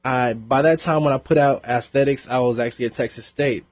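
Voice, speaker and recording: Chatting loosely in a college radio interview, this young rapper laughs often and leans on fillers as he rambles. His voice is mid-range and steady, a bit fast. Expect a dry, somewhat dull radio studio sound.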